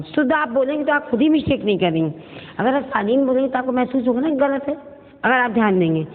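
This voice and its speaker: Woman teacher, tinny echoey recording. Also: medium pitch. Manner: slow, careful, repeats each word to contrast wrong and right forms; addresses pupils fondly as children. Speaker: school teacher. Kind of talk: recorded online grammar lesson for children. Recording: tinny phone-like audio with long reverb and faint noise.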